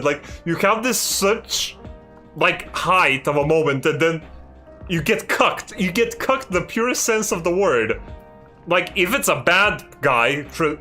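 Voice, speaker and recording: A man's voice: high voice, sharp tone. Ranting, exasperated gaming streamer man. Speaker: streamer playing a game. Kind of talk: live gameplay commentary.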